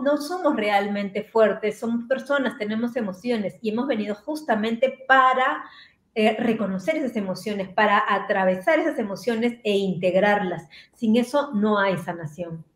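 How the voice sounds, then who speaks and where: A woman speaking as a guest, explaining the stages of grief in a measured, step-by-step way. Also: a little high, echoey room.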